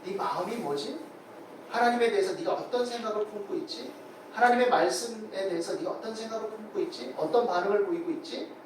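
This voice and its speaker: A male pastor preaching a sermon in a church, animated, acting out quoted voices as he speaks. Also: sits high. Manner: animated, acts out voices of God and people in quotes. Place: church sanctuary. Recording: very echoey hall, far from the mic, faint noise.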